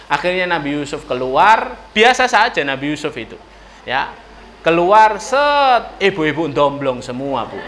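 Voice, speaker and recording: A man with a Javanese accent giving a lively storytelling sermon in a mosque, often turning to address the ladies in the audience. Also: on the high side, moderate pace, slight background noise. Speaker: preacher. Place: mosque hall.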